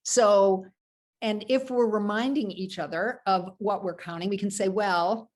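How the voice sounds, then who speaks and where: This older woman from the United States, a rabbi, runs a relaxed Torah study by video call, talking in a rambling way full of ums and asides. Her medium-pitched voice keeps a steady tone and a measured pace.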